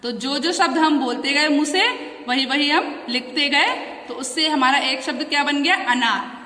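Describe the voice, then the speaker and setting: A woman teacher with a high, bright voice, speaking slowly and repeating each sound syllable by syllable. She asks her own questions and answers them. The recording is echoey, with a long reverb from far off. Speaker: school teacher. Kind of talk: classroom grammar lesson.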